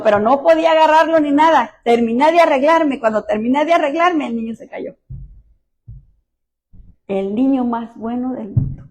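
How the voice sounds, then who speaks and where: A woman's voice: high voice, darkish tone. A middle-aged woman pastor, preaching a sermon and telling personal stories in a conversational way that speaks directly to the listeners.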